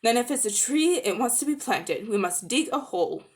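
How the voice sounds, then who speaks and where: A woman voicing a genteel, thoughtful female elephant in a storybook, polite, deliberate and a little self-important. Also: on the high side, animated, lightly acted. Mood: decisive.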